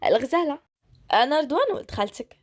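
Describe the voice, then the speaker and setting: A woman's voice: high voice, big pitch swings, fast talker. Teasing young cousin, voiced by a woman. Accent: Moroccan.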